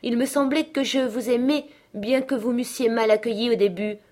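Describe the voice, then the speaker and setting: A woman voicing an impulsive, affectionate teenage girl who asks eager, excited questions, in an audiobook. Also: fairly high pitch, normal speed, voice pushed up, natural voice. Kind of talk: audiobook character reading.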